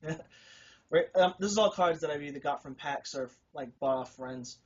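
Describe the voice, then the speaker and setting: A man being casually interviewed about his tournament win answers modestly and hesitantly, with frequent fillers. His voice is slightly high and his pace normal. The recording is lo-fi.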